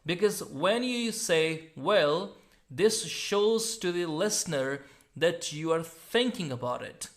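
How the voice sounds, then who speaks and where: A man with an Indian English accent teaching English exam skills, slowly explaining words and repeating points. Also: a little high, animated, fairly bright tone. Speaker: IELTS teacher. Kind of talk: explaining an exam model answer.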